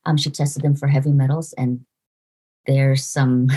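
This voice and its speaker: A woman in her forties from the Philippines, a podcast guest speaking in an earnest, halting way with fillers and restarts. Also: rumbling low, level tone, dark tone. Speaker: podcast guest, nurse practitioner. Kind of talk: casual interview conversation.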